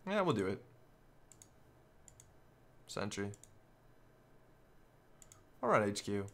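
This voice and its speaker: A man's voice: lowish voice, very animated, very slow, a bit bright. A man giving live, casual commentary on a card game, thinking aloud as he works through each play step by step.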